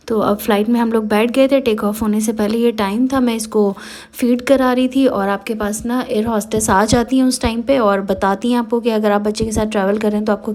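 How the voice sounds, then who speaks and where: A woman tells her travel story in a chatty, casual vlog voice-over. She talks as a mother, loosely and warmly paced, with frequent fillers and English words mixed in. Her pitch is ordinary for a woman. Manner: chatty, with many fillers and Hindi-English mixing. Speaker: vlogger mother.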